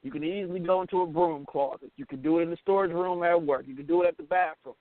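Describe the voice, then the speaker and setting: Phone-like, tinny, band-limited audio with no room sound captures a middle-aged American radio host who talks fast in a slightly high voice. He's casual and candid, blunt and emphatic, and often repeats what he's just said.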